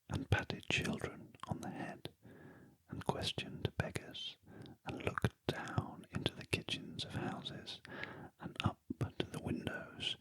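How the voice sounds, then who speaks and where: A British man reading a story aloud in a very soft, breathy ASMR whisper, gently and deliberately, close to the ear. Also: dry recording, low-quality recording. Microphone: close ASMR microphone, ear to ear.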